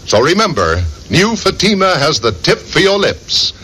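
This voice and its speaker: A male radio announcer delivers a scripted commercial in a polished, emphatic salesman's manner. His voice is bright and his pitch swings freely. It comes from an old broadcast transcription disc with a faint hiss underneath. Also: sing-song, normal speed, poor audio.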